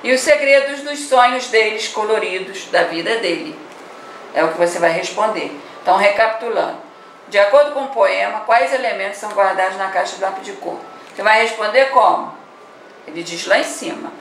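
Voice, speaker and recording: A woman's voice: medium pitch, a little fast, a little hiss or hum. A woman teaching a primary school reading lesson, patiently explaining and often checking in with the children. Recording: echoey room, mic far off.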